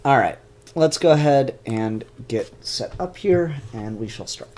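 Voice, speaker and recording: A man hosting a casual live-stream comic review, chatty and animated, with a stuffed-up nose. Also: mid-range voice, a little slow. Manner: chatty and animated, mock-grumpy asides. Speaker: comic book reviewer and YouTuber.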